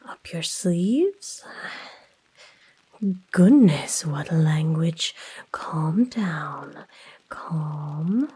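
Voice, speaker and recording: A woman voicing a female naga huntress, coaxing and softly threatening, in a breathy whispered role-play. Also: fairly low pitch, full character voice, poor audio. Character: female naga huntress, predatory, coaxing, menacing serpent creature.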